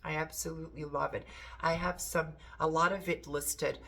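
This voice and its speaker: A woman's voice: low voice, fairly even intonation, normal speed, gravelly, fairly bright tone. A woman from Portugal with a Portuguese accent, chatting enthusiastically and rambling a little as she shows pieces from her shop. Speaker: antiques seller. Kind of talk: casual show-and-tell.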